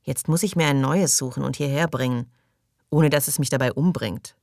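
A woman reading an audiobook, voicing a defiant, scheming young woman who speaks eagerly and coaxingly, her voice jumping higher. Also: moderate pace, a little mellow, dry recording, studio quality.

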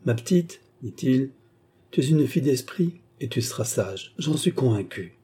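A man playing a cold, scheming English baronet who speaks with mocking, false affection in a husky voice. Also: medium pitch, animated, moderate pace, dark tone.

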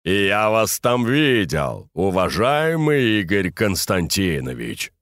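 A man voicing a polite, wistful Japanese guest who speaks slowly and softly, in an audiobook. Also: fairly low pitch, big pitch swings, dry recording, studio quality, exaggerated voice. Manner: slow, soft, measured.

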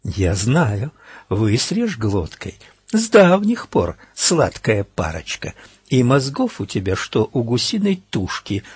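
A man voicing a quietly cruel gang leader who speaks slowly in a low, hoarse hush. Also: wildly swooping pitch, no echo, heavily acted. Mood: mocking. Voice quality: hoarse, hushed, drawn-out.

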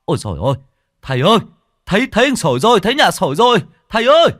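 A man voicing an excited young male villager shouting frantically. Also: high voice, rapid-fire, no echo, studio quality, pitched above the performer's own voice, heavily acted. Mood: frantic.

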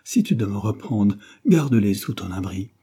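Storybook father in despair, low husky dark voice, read by a man. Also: animated, normal speed. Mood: pleading prayer. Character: anxious, gravely worried father, Latin and Greek tutor.

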